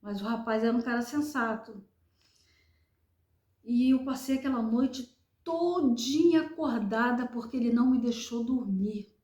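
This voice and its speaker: Brazilian lady, kinda high but soft warm tone, halting and repeating herself as she tells her story. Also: echoey room. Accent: Brazilian Portuguese. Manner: earnest, repetitive, halting retelling. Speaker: survivor telling her story. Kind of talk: emotional personal testimony.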